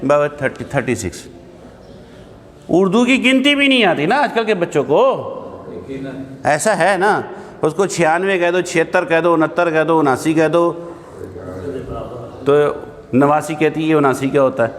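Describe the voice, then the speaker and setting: A man with a slightly high voice delivers a grammar lesson as a classroom lecture. He talks conversationally, asking rhetorical questions and checking in with his listeners, while his voice rings with the long reverb of a large hall. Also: lively intonation, long pauses. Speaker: Arabic grammar teacher. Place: mosque hall.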